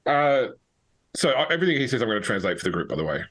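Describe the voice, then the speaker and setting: A man takes part as a player in a tabletop game. He talks casually in a medium-pitched voice, halting and hesitant as he works out replies. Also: sing-song, fairly bright tone.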